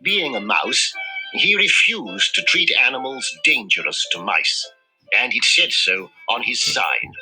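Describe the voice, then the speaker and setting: A man reading a children's story in an expressive, measured storytelling manner. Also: mid-range voice, low-quality recording. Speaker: storybook reader. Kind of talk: scripted children's story narration. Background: music.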